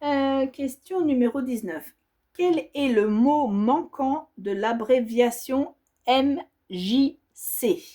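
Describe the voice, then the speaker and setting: A woman's voice: high voice, slow, mellow. A woman vlogger stitching as she talks, reading quiz options aloud and musing over them with hesitations. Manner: stitching while talking. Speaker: embroidery vlogger. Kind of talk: casual quiz while stitching.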